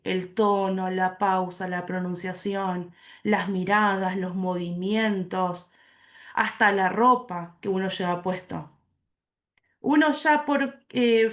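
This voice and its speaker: A woman, a teacher giving an online class lecture, explaining slowly and asking the class questions, on a video call. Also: mid-range voice.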